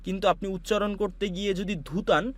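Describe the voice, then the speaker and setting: A man from Bangladesh giving an online class, walking students through audio software with patient, repetitive explanations. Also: high voice, flat delivery, fairly quick. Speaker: online course instructor. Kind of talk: screen-share software tutorial.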